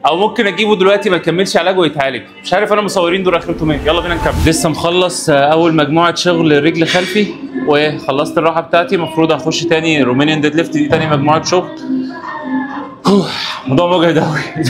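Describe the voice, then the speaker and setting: Egyptian man, gym vlogger, high voice, teasing banter, music behind. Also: fairly even intonation, racing. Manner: joking, teasing banter between sets; coaching instructions. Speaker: fitness vlogger. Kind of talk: casual workout vlog.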